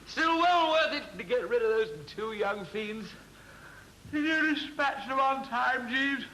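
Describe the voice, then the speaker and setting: An actor playing an amiable, dithering young gentleman with an upper-class English accent, exclaiming in period slang in a comedy. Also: extremely high pitch, animated, unhurried, slight background noise, exaggerated voice, poor audio. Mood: relieved.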